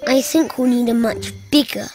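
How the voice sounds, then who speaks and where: An actor voicing a big, gentle male jungle animal in a preschool cartoon, talking slowly with sighs. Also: medium pitch, natural voice. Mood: patient. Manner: slow, sighing, patient. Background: cartoon music.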